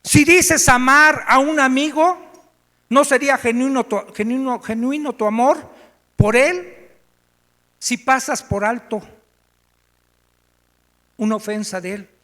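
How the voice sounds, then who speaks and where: Mexican male preacher, bright and forceful, lively storytelling in an echoey church hall. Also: extremely high pitch, slow pace, pauses often. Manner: animated storytelling, asks the congregation. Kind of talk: sermon. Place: church meeting room.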